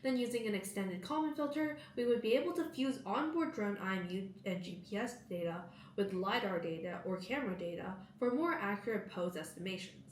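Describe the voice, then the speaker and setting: A woman's voice: mid-range voice, animated, a little fast, few pauses, a little hiss or hum. Teenage girl reading, distant and echoey. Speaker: student presenter. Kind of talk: scripted project presentation. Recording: echoey room, mic at distance.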